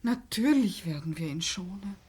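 A woman's voice: fairly low pitch, animated, moderate pace, mellow, slight background noise, natural voice. An actress playing a curious, concerned woman of a family in a radio play.

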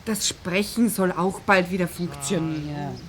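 A woman's voice: on the low side, measured pace, a crowd in the background, lightly acted. An actress playing a curious, concerned woman of a family in a radio play.

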